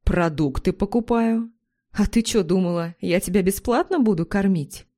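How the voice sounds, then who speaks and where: A woman voicing a pushy, domineering young man in a read-aloud story, rough and bossy. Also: medium pitch, lively intonation, normal speed, warm tone, close to an everyday voice.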